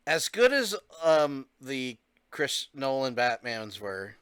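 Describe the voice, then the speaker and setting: A man's voice: mid-range voice, sing-song, slow, fairly bright tone, clean tone, no echo, clean studio sound. A man in his thirties hosting a casual podcast, teasing his guest and laughing easily. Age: 30s. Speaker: host.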